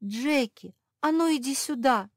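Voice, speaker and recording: Brief: remorseful young pug in a children's storybook, read by a woman, very high voice. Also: a little slow, dry recording, clean studio sound. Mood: excited. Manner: apologetic, excitable.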